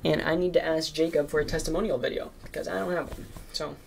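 These recorded cold calls feature a teenage marketing agency owner selling his service and chatting in between, nervously peppering his speech with "um" and "like". He talks quickly in a steady, gravelly, fry-heavy voice of ordinary male pitch, with faint hiss in the background.

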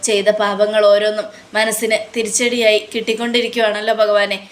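A woman's voice: medium pitch, little pitch movement, a little fast, a little hiss or hum, close to an everyday voice. Woman narrating a despairing praying woman. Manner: anguished praying. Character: guilty middle-aged woman, despairing and praying.

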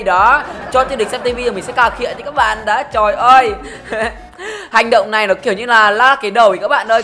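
A woman's voice: on the high side, fairly bright tone. Playful young-sounding woman over game music. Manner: playful, teasing, laughs often. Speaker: gaming channel host. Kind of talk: casual game commentary.

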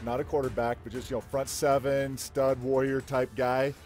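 An older man from Idaho co-hosting a sports talk show, chatting casually and excitedly. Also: mid-range voice, normal speed, faint music behind. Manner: excited and boisterous. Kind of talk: casual chat.

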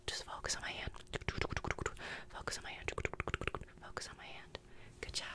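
A young woman whispering fast, aggressive ASMR close to the microphone, breathy and unvoiced, giving insistent, repetitive commands straight to the listener. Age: young adult. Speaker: ASMR performer. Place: bedroom, indoors. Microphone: close desktop condenser microphone with foam cover.

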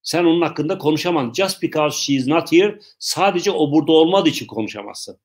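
During a live English lesson online, a man explains slowly and keeps repeating himself while joking about viewer questions. His fairly high voice carries lively intonation.

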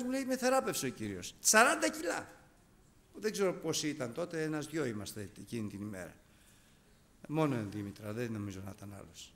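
A middle-aged man preaching a sermon, emphatic and repeating key phrases, telling stories with quoted dialogue. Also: sits high.

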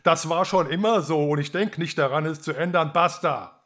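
An aging storybook king, weary and quick to take offence, who stammers and then blusters, read out by a man. He talks in a plain, middle-pitched voice, a little raised when he gets worked up. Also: natural voice. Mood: stern. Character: aging fussy king, weary and easily irritated.

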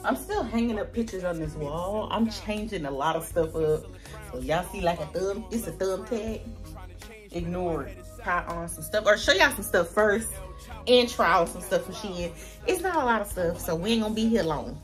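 With faint music behind her, a woman in her thirties speaks in an animated mid-range voice at a moderate pace, her Southern US accent clear. Chatting to the camera from her home bedroom, she playfully shows her viewers her new things and talks right to them.

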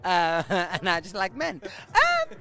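A man in his thirties answering a street interview, talking in animated, laughing bursts into a handheld mic outdoors at night. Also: high voice, takes it slowly, vocal fry. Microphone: handheld mic held out by interviewer.

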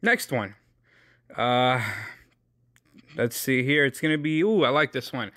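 A man's voice: mid-range voice, lively intonation, a little slow, sharp tone, no room sound, studio quality. A young man hosting a casual car video, brash and joking, swearing freely. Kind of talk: casual car review monologue.

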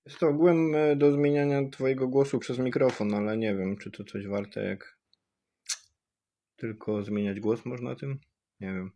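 A man's voice: mid-range voice, steady tone, moderate pace, dark tone. A man testing gadgets in a casual unboxing vlog, thinking aloud, hesitant, with many fillers. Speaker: product tester vlogger. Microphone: cheap USB microphone.

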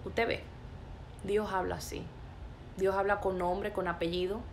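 A woman preaching a sermon in an emphatic, repetitive, forceful way. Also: medium pitch, little pitch movement, a little slow, slight background noise.

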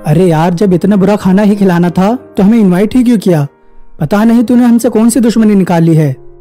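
A gruff young man in a cartoon story hurls accusations, as a woman lowers her voice for him. The tone is very dark and heavy. Soft music runs behind. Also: normal speed, natural voice. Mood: scolding. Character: angry young husband and his annoyed male friends.

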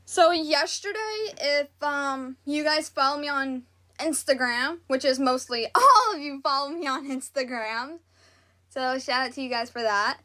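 A woman's voice: sits high, a little slow, pushed and bright. A woman in her late thirties from Southwest Florida with a Southern accent, hosting a casual livestream talk show with lots of fillers and laughs. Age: 30s. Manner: rambling, giggly, lots of fillers. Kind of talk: casual chat with live chat viewers.

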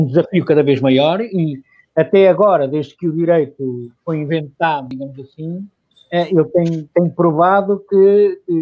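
A male guest with a somewhat raised voice talks over a dull, muffled remote line. He hunts for words, repeating and restarting his phrases again and again. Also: on the high side. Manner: searching for words, many restarts. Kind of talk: discussion answer.

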